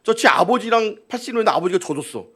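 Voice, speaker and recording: Animated high-voiced preacher man. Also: racing, husky. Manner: storytelling with acted quotes and rhetorical questions. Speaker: pastor. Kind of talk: sermon. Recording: live church service.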